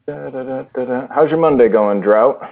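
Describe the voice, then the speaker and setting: Hosting an online improv game over a tinny voice-chat line, a man chats casually and welcomes new players. His voice is mid-range and gravelly, at a normal speed.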